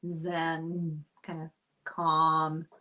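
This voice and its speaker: A woman's voice: low-pitched, monotone, very slow, sharp tone, poor audio. An older woman with an Irish accent hosting a casual explainer, chatty and wry with digressive asides. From Ireland. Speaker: host.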